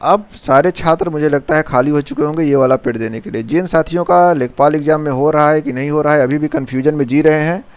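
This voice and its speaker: An earnest man explains an exam syllabus in a direct, teacherly way. His voice sits a little high and sounds smooth and clear. It is recorded close on the mic in a dry room. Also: fast, hardly any pauses, no room sound, highs cut off. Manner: earnest and direct, addresses viewers as friends.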